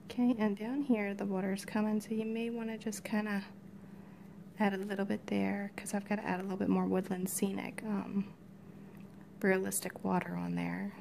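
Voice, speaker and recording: A middle-aged woman giving relaxed, murmured step-by-step instructions in a hands-on craft tutorial at home. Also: mid-range voice, normal speed, creaky, a little hiss or hum. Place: cluttered home craft room, indoors.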